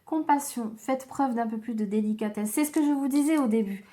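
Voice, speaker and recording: A woman giving a slow, gentle tarot reading to viewers, tired and low on energy, with frequent hesitations. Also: a little hiss or hum. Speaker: tarot card reader.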